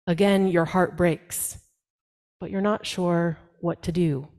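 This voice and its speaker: A woman pastor delivering a storytelling sermon in the second person, with dramatic pauses and quoted voices. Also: on the low side, fairly even intonation, darkish tone.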